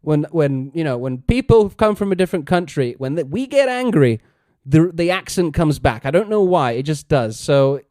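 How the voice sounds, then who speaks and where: A man hosting a casual review podcast, his voice a touch high and very smooth. The sound is dry and close. He talks in an animated way, laughing and acting out quotes. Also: moderate pace, no room sound. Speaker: podcast host.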